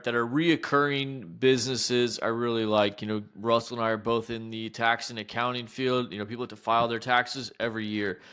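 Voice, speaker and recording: A man's voice: on the low side, a bit bright, clean tone. A man co-hosting an advice podcast as an accountant, talking in a friendly, chatty way and explaining with everyday examples. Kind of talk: casual advice talk.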